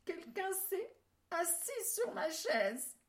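A woman voicing a small gentle baby bear in a storybook, with a tiny, very high, squeaky voice. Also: sing-song, slow pace, full character voice. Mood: whiny. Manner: squeaky and plaintive.

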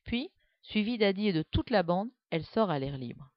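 A woman's voice: medium pitch, normal speed, no room sound. Woman reading a children's story. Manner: lively, expressive reading. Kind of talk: scripted children's story narration. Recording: dull lo-fi dry recording.

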